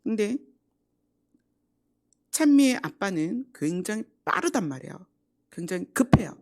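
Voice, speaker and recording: A middle-aged woman pastor giving a conversational sermon at a Friday prayer meeting, acting out quoted lines and dropping into soft asides. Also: mid-range voice, big pitch swings, a little slow. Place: church sanctuary.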